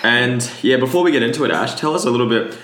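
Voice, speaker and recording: A man's voice: medium pitch, animated, quick pace, a bit bright. A man hosting a casual interview in an informal, encouraging way. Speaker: podcast host. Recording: echoey room.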